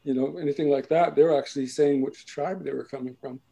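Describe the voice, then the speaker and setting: Mellow-voiced man explaining place names. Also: fairly high pitch, steady tone, vocal fry, low-quality recording. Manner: explains slowly, often checks with "right?". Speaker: language and culture speaker. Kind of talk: explanatory talk.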